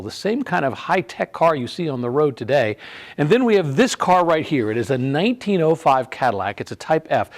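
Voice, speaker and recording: A man hosting a video in a car museum, talking in a chatty, conversational way. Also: mid-range voice. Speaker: host. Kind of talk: casual presenting.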